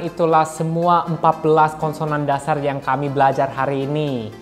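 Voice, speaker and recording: A man teaching a video language lesson, playful and repeating each sound several times so learners can follow. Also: a little high.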